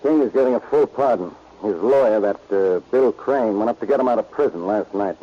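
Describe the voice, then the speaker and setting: An actor playing a gruff, exasperated, curt police inspector in a 1940s radio drama. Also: male voice, fairly low pitch, a little fast. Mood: grudging, calmer. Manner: blustery, curt. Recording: muffled, dull vintage radio recording.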